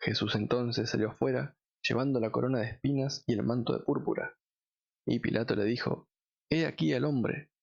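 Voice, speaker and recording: A man reading scripture aloud in a measured, solemn way. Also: mid-range voice, fairly even intonation, vocal fry, a little mellow, husky, highs cut off. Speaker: Bible reader.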